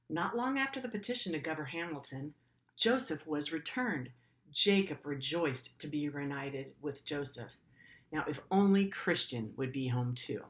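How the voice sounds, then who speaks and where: Her voice sits low with a fairly bright tone as this middle-aged woman teacher reads a story to pupils. She reads earnestly and breaks in with simple, informal explanations.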